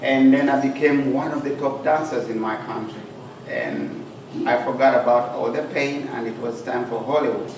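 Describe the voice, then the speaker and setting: A man's voice: medium pitch, expressive, moderate pace. A man from Uganda, a guest speaker telling his life story in an earnest, plain-spoken way. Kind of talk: personal life story talk. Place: club meeting room. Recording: echoey hall, far from mic, noisy.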